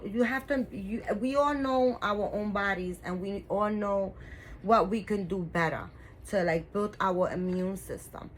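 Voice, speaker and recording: A woman's voice: mid-range voice, a little hiss or hum, poor audio. A woman in her fifties, a doll-collecting vlogger, chatting casually to her viewers in a rambling way, full of fillers and restarts. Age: 50s.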